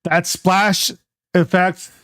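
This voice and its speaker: A man's voice: high-pitched, level tone, very slow, noisy background. A man hosting a reaction video, giving casual, analytical game commentary as he thinks aloud.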